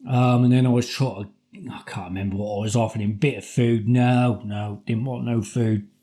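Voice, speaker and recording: Casting: middle-aged British male vlogger, soft-edged mellow tone, chatty and colloquial, circles back over his points. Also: mid-range voice, fairly even intonation. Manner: halting, repetitive, colloquial. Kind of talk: casual rambling personal storytelling.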